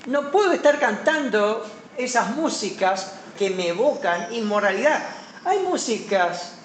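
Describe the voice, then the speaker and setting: A man's voice: high voice, very animated, measured pace, echoey room, a little hiss or hum, low-quality recording. A man preaching a sermon as pastor, with a Paraguayan Spanish accent, emphatic, his voice rising and dropping sharply.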